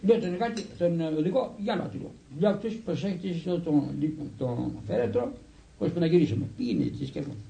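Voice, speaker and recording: Older man, monk, halting storytelling, acts out quotes, mellow tone, echoey room. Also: a little high, gravelly. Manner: halting, restarts words, acts out quoted dialogue. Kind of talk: recounting a personal story.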